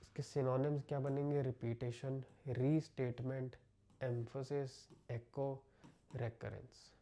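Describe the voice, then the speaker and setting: A man with an Indian accent teaching English vocabulary, explaining each word slowly and repeating it in Hindi. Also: mid-range voice, little pitch movement, warm tone. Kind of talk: vocabulary lesson.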